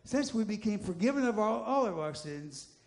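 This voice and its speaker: High-voiced man preaching a halting sermon. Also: very animated, creaky, a little mellow. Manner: halting, many restarts and fillers, rising into emphatic repetition. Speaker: pastor.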